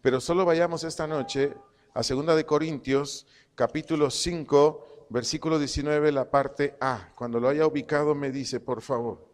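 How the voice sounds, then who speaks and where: A man preaching a sermon to his congregation, slow and emphatic, repeating his phrases and dictating punctuation as he teaches. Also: on the high side, fairly even intonation, in a large hall. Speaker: pastor. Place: church congregation hall.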